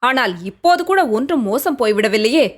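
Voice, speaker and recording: A woman's voice: fairly high pitch, animated, a little fast, close to an everyday voice. A woman reading a tender young prince. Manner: gentle, pleading, questioning. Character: young prince, tender, coaxing, devoted lover. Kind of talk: audiobook character reading.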